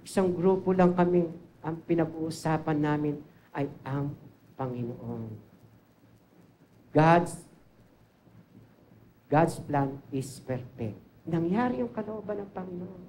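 A man's voice: on the high side, lively intonation, takes it slowly, pauses often, darkish tone, slight background noise. An older man with a Filipino accent preaching a sermon and sharing a personal testimony, switching between Tagalog and English and lifting his voice sharply for emphasis. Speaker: pastor.

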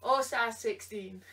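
A tired vlogger with a fairly high, sharp voice chats playfully and teases someone off camera while trying on outfits in her bedroom. Captured by a camera across the room, she sounds distant, with slight background noise.

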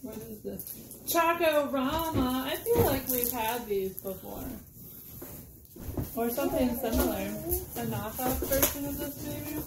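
Woman host, fairly high voice; casual taste-test chatter recorded in an echoey room. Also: measured pace. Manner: chatty, candid running commentary. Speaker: vlogger. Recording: echoey room with background noise.

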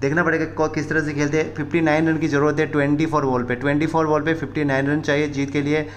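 A man giving excited cricket commentary as a gaming streamer, often repeating himself and addressing his viewers. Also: fairly high pitch, fast, slight background noise.

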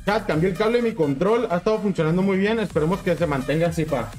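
High-voiced hyped Mexican streamer guy. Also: fast, darkish tone, faint music behind. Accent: Mexican Spanish. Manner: hyped, slangy, keeps urging chat. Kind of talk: casual livestream chat with viewers.

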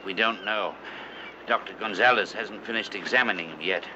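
A man's voice: lowish voice, normal speed, lightly acted. An actor playing an eager adult male fossil scientist in a 1960s TV drama. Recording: dull lo-fi 1960s TV soundtrack with noise.

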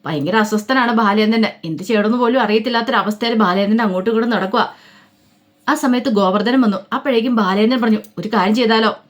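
A woman's voice: fairly high pitch, fast. A woman narrating a dramatic story in a casual, colloquial way, reading every character's lines in her own voice.

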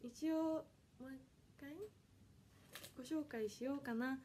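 A woman in her early twenties from Kanagawa chats on a home livestream in a high, mellow voice. She is polite and reads viewer comments aloud, apologizing often. Faint noise sits under her voice. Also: takes it slowly. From Kanagawa, Japan. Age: 20s. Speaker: idol audition livestreamer. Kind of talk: casual solo livestream chat.

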